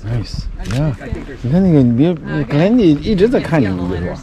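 A man narrating a travel vlog from a handheld camera at an outdoor dog kennel. His voice rises and falls a lot, a little higher than usual, and he sounds chatty and delighted. A crowd of visitors murmurs clearly behind him. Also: huge pitch swings, a little fast. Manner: switches between Mandarin and English, chatty and delighted. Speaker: travel vlogger.

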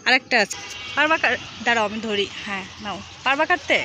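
Over music, a woman with a Bangladeshi accent talks fast in a fairly high, expressive voice, casually chatting to viewers as a rooftop garden vlogger and repeating herself a bit as she explains things. She's in an open city rooftop garden, recorded on a handheld phone behind the camera, and the outdoor audio is noisy.

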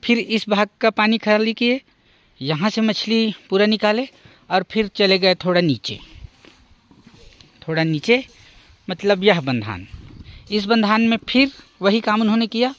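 A man's voice: sits high, fairly bright tone, no room sound. A young man narrating a vlog outdoors at a forest stream, explaining step by step what he shows the viewer. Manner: explanatory, points things out to the viewer. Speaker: vlogger.

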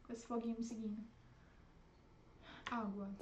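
A young woman, streaming herself playing a game and reacting with excitable, panicky outbursts. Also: a little high, normal speed, a little hiss or hum. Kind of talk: live gameplay commentary.

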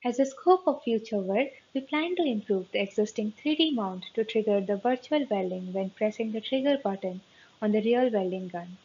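A woman narrates a prepared research presentation in an even, read-aloud manner. Her voice sits a little high. The close webcam recording sounds slightly muffled, with a faint hiss underneath. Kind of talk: scripted conference talk narration.

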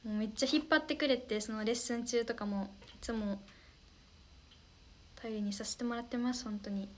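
A woman's voice: on the high side, steady tone, brisk. A young woman hosting a casual livestream, reading viewer comments aloud in a bubbly, polite way and thanking them often. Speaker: idol livestream host.

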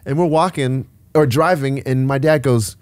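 A man's voice: medium pitch, moderate pace, a little mellow, clean tone, no room sound. A man co-hosting a podcast, telling a funny family story in casual chat and laughing often. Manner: laughs often, tells stories animatedly. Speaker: podcast co-host.

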